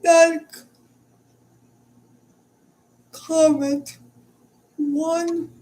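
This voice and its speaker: A high-voiced woman talking on her own live stream at an extremely slow, drawn-out pace. She is hesitant and halting, stuttering and stopping often as she feels her way through what to say. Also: level tone, dark tone. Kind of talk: unscripted live stream talk.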